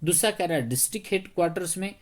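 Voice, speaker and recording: Male teacher, slightly unwell, slow and conversational, keeps asking if it's clear. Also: high-pitched, expressive. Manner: conversational, checks in often with rhetorical questions. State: slightly unwell, speaking slowly. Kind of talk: exam question walkthrough.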